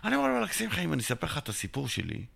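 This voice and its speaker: A middle-aged man from Israel, an interviewee telling his business story in an animated way, acting out both sides of each conversation. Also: fairly high pitch, creaky. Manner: tells a story by acting out both sides of a dialogue, sometimes shouting. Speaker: interviewee, entrepreneur. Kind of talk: animated storytelling with acted dialogue.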